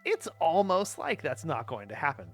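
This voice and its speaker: Male game streamer: bright, forward voice, casual and reactive, rambling jokes, faint music behind. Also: on the high side, big pitch swings, moderate pace. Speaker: gaming streamer. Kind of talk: casual playthrough commentary.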